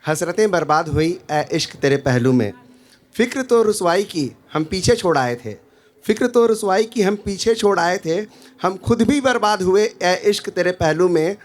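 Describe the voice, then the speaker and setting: A man's voice: high-pitched, lively intonation, normal speed. Young-sounding man reciting his poem. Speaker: audience poet.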